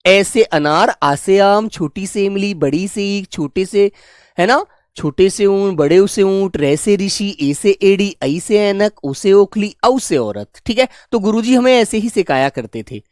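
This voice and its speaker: Male coaching teacher, affectionate and lively in pitch, repeats drills, dry booth-like recording. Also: a little slow, no room sound. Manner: affectionate, calls listeners "my dear children"; repeats and drills sounds aloud. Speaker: Hindi teacher. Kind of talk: exam coaching lesson.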